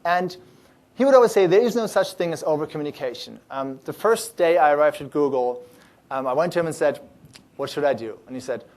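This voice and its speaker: Animated man giving a conference talk. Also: a little high, a little fast. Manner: many fillers and restarts, animated and upbeat. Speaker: startup accelerator founder giving a talk.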